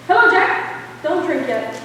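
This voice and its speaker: Woman as breezy young gentleman Edwin Drood, echoing hall. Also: very high voice, big pitch swings, slow, background noise, heavily acted. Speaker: actor in a stage musical. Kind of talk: theatrical stage acting. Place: school theatre stage, audience recording. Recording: echoey hall from far off.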